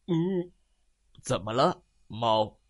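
A big storybook bear speaks boldly with a slow, swaggering delivery, as a man puts it on. His pitch rises and falls with lively movement. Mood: confident. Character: big confident bear who then gets scared.

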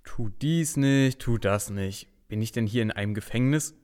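A man's voice: mid-range voice, moderate pace, a little mellow, close to an everyday voice. A man voicing a grumpy little brother who grumbles and complains about everything, in a children's audio drama. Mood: fed up. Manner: grumbling, sulky, constantly complaining.

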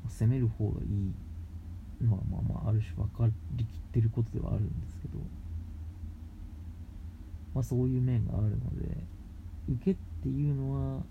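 A man talking casually as a radio host, explaining things in halting, phrase-by-phrase steps. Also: mid-range voice, fairly even intonation, vocal fry. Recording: muffled lo-fi with faint background noise.

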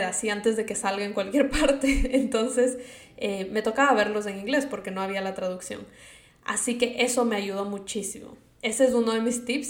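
A woman's voice: mid-range voice, echoey room. A young woman from Latin America with a Latin American Spanish accent, chatting casually and giving advice, dropping English words into her speech. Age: young adult. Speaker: vlogger.

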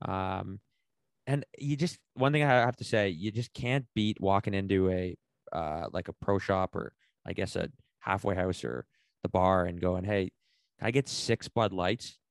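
A man co-hosting a casual podcast, telling a rambling, animated story full of slang and swearing. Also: deep voice, a little slow, creaky, no room sound. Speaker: podcast co-host.

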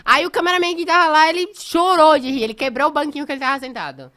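Fast, bright-voiced woman telling stories. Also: sits high. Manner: animated storyteller, acts out others' lines. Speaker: guest. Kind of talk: casual chat.

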